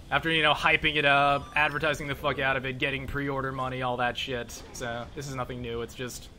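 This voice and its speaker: A man's voice: medium pitch, little pitch movement, moderate pace, sharp tone. A man ranting profanely while commenting on a video game he is playing. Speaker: let's play host. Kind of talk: casual gaming commentary.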